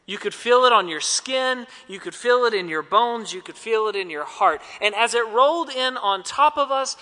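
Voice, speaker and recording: A man preaching a sermon in church, telling a story and leading the congregation in call-and-response. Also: high-pitched. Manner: expressive, calls out names and lines for the congregation. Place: church sanctuary. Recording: long church reverb.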